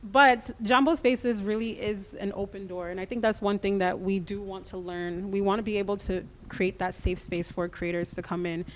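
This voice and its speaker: Woman on a radio interview, practical, steady, explains things carefully, mid pitch. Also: moderate pace, hardly any pauses. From United States. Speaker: guest, creative business co-founder.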